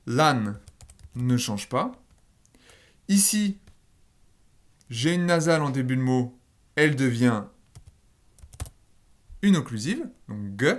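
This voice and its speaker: A man teaching a linguistics lesson in French. He walks through the rules step by step, with fillers and small asides. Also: medium pitch. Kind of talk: recorded screen lesson.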